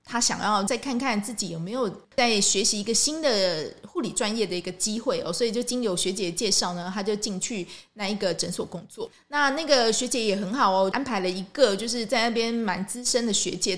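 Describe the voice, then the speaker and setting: A woman's voice: medium pitch, brisk, hardly any pauses. A woman hosting a podcast, telling a story in a casual monologue, acting out the quoted dialogue and often ending phrases with a light "ha". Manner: animated, acts out quoted dialogue in shifting tones; frequent light "ha" tag at ends of phrases. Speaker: podcast host.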